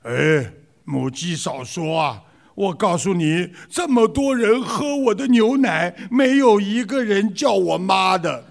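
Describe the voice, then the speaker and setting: Aggrieved dairy cow, played by a male storyteller, unhurried. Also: a little high, creaky. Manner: grumbling, slow. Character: grumbling dairy cow scolding a hen.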